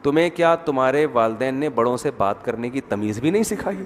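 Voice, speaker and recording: A man's voice: medium pitch, animated, slight background noise, pitched below the performer's own voice, natural voice. Condescending older mother-in-law, as a man puts her on. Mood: scolding. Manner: cutting, condescending. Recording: echoey hall with faint music.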